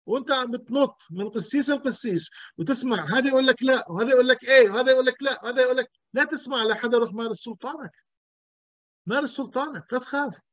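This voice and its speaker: A man's voice: very high-pitched, fast, fairly bright tone, no echo. A male pastor, teaching an emphatic sermon full of rhetorical questions and repetition.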